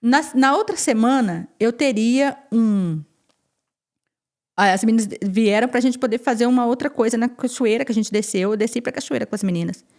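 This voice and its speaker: A woman guest on a podcast, telling her personal testimony in an animated way, repeating phrases and acting out what others said. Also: fairly high pitch, moderate pace. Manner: animated, repeats phrases and acts out quoted speech.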